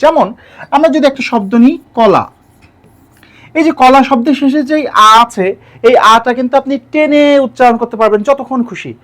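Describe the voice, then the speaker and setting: A man's voice: very high voice, a little fast, fairly bright tone. A man teaching a Bengali grammar lesson for exam preparation, explaining step by step, repeating key points and putting questions to the viewer. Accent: Bangladeshi Bengali.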